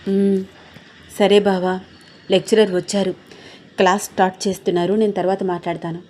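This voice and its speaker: A woman voicing an anxious young wife, speaking softly and pleadingly. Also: medium pitch, level tone, fairly quick, slight background noise, natural voice. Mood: tearful soft. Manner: soft, pleading.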